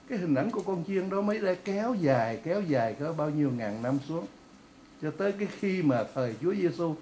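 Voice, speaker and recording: Folksy pastor, higher-pitched man. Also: darkish tone, slight background noise, poor audio. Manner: folksy, vivid storytelling with frequent questions to the congregation. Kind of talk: sermon.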